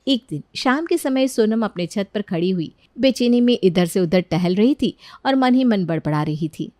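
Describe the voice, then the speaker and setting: A woman narrating a cartoon story in calm, scripted storytelling. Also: mid-range voice, moderate pace, dry recording, clean studio sound.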